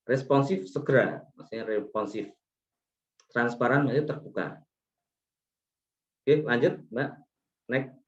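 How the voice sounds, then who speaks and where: A man's voice: medium pitch, measured pace, pauses often. A man giving a seminar talk on customer service, going through his points one by one and asking the audience to agree. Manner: explains points one by one, asks the audience "ya kan?"; acts out service staff lines in a raised voice. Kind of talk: seminar presentation with slides. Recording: echoey hall, dull PA sound.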